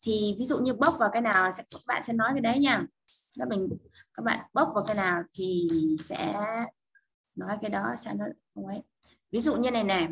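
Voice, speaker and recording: A woman teaching an English speaking lesson and explaining in Vietnamese, slowing down for the English example phrases and often checking that students follow. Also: medium pitch, vocal fry, fairly bright tone, slightly rough, poor audio. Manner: explains step by step, often checks with "được chưa?".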